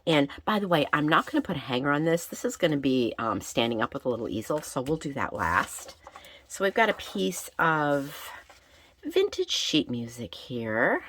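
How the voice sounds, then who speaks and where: Female craft host, deep gravelly whiskey rasp from recent illness, informal and chatty, thinking aloud while she works. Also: very animated, normal speed, fairly bright tone, a little hiss or hum. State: getting over a recent illness. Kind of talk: casual craft tutorial chat.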